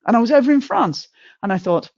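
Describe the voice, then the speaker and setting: A middle-aged woman giving a humorous motivational talk, chatty and self-mocking, with sudden jumps in pitch. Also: lively intonation, quick pace, gravelly, a little mellow, dry recording, muffled recording. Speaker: motivational speaker.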